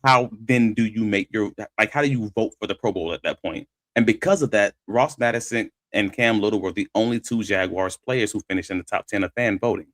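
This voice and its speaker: A man's voice: fairly low pitch, a little fast, hardly any pauses, fairly bright tone, no echo. A man hosting sports talk, giving conversational analysis and stressing his key points as he argues them. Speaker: sports talk show host.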